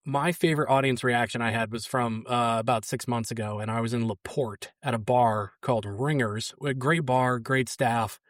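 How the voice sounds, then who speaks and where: A man's voice: medium pitch, fairly even intonation, normal speed, few pauses, dry recording, studio quality. A young adult man, a guest comedian, telling loose, rambling stories with plenty of fillers. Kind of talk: casual anecdotal storytelling.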